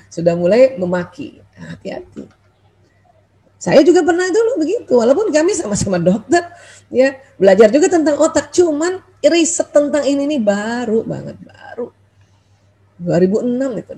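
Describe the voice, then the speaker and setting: A middle-aged woman doctor giving a lively, chatty parenting lecture over a video call, often acting out quoted thoughts. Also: medium pitch, breathy edge. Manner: chatty, animated, acts out quoted thoughts with laughs.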